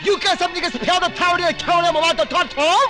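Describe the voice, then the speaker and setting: A high-voiced bumbling thief in broken English. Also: male voice, fairly even intonation, takes it slowly, over loud music. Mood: blustering. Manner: mangled English phrases mixed with Telugu. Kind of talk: film comedy acting.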